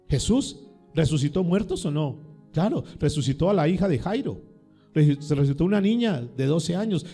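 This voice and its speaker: A male pastor delivering an emphatic sermon, pressing his listeners with one question after another. His voice sits fairly high for a man but is mellow and husky, with a gravelly fry. Soft music plays underneath. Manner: questioning the congregation, emphatic, repeats words.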